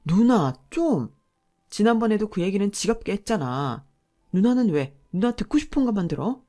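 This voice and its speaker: A woman's voice: mid-range voice, lively intonation, moderate pace, dark tone, close to an everyday voice. A woman voicing a frustrated married man who pleads with his older sister in a radio drama. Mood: exasperated. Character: exasperated younger brother, a married man.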